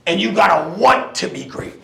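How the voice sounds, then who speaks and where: Gravelly, forceful man giving a pep speech. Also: sits high, lively intonation, moderate pace. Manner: impassioned, preaching, emphatic repeated phrases. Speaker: motivational coach, guest speaker. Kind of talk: pre-game pep speech to a team. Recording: echoey room.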